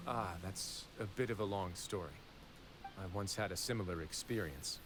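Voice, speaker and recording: A composed man in charge, played by an actor in a video game, with a low voice and measured, formal phrasing. There is a dry wryness to him, and clear noise sits behind the dialogue. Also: close to an everyday voice. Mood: grave, reflective. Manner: measured, formal, dryly wry. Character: composed, wry adult male prison authority with dark past. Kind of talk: video game character acting.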